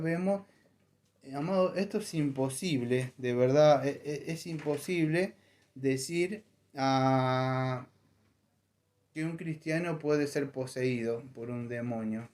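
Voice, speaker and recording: A man preaching a conversational sermon in a church, animated and acting out voices in his stories. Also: medium pitch. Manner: animated, acts out voices in anecdotes. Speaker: pastor.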